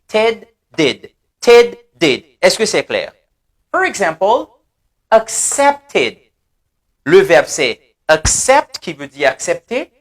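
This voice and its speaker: A man teaching English pronunciation in French, repeating words slowly and drilling the class. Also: high voice, a bit bright. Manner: switches between French and English. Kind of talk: pronunciation lesson.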